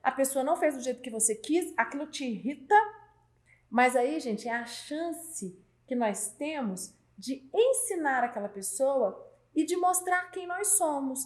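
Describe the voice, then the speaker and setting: A woman hosting a casual chat, loud and animated, acting out dialogue as she talks. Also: high voice. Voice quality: loud speaking voice. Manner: animated, acts out dialogue with quick voice changes. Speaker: host.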